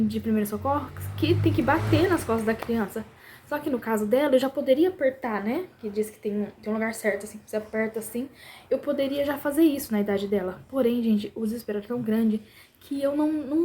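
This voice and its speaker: A mother in her thirties tells a frightening family story straight to her viewers, emotional and breathless, repeating her words. Her voice sits a little high, breathy and soft, with a warm, mellow color. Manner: tearful, breathless, many repetitions and pleas to the viewers. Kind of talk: emotional personal testimony.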